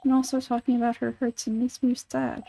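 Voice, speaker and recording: A woman voicing a cheerful, energetic little kid adventurer from a game, talking in a chatty, earnest way. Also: a little high, fairly quick. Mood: sad.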